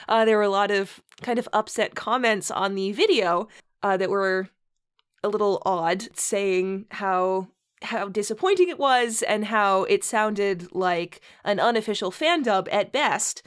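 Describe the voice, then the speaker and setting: A woman with a clean, medium-pitched voice and a measured pace hosts a comedic reading with casual conversation. As host and reader she's giggly, often bursting into laughter while speaking.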